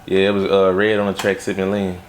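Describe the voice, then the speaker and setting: A young music video director from Los Angeles, raised in Baton Rouge, Louisiana, answers interview questions in a laid-back way full of fillers. His deep voice moves briskly with a completely flat delivery.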